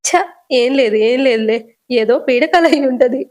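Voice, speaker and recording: Lady doing a scared stammering mother-in-law, older, high voice. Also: moderate pace, darkish tone, close to an everyday voice. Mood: frightened.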